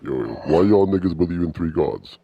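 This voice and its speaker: A man's voice: deep voice, dark tone, dull audio. A man calling into a live debate through a voice changer that disguises his voice, arguing in a combative, taunting way. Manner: combative, taunting, rapid-fire. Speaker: caller in a live debate stream. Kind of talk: heated religious debate.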